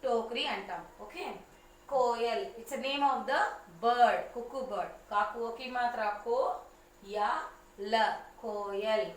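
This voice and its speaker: Slow and fairly high-pitched, a woman teaches young children in an online class. She patiently repeats words and spells them out individually, while the recording sounds distant, echoey, and faintly ambient.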